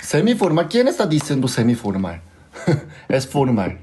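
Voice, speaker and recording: Guy with a korean accent teaching a class, lively up and down voice, keeps checking everyone gets it. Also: medium pitch, unhurried, slight background noise. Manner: asks students often if they understood; patient, repeats and drills examples. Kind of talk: live class explanation.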